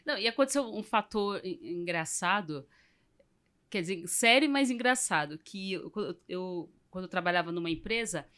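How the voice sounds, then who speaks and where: A woman with a Brazilian Portuguese accent hosting a casual podcast conversation, telling stories in a halting way with many restarts. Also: on the low side, lively intonation, fairly bright tone, clear, resonant tone.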